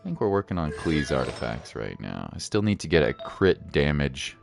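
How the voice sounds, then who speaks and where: Rumbling low and gravelly, a male game streamer's voice goes sing-song at a moderate pace as he comments playfully on his livestream. He repeats phrases for emphasis while game music plays underneath.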